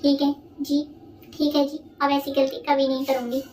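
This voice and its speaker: A woman's voice: sits high, little pitch movement, moderate pace, darkish tone, lightly acted. Woman playing a nervous hungry young bride. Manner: nervous, fibbing. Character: hungry young daughter-in-law, sneaky and timid. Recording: echoey room, distant mic, noisy.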